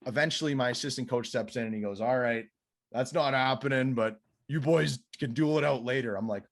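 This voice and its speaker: A man's voice: mid-range voice, fairly quick. Man telling a rowdy story. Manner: animated, swears freely, acts out quotes with raised voice. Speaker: podcast guest, goalie coach. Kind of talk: casual podcast storytelling.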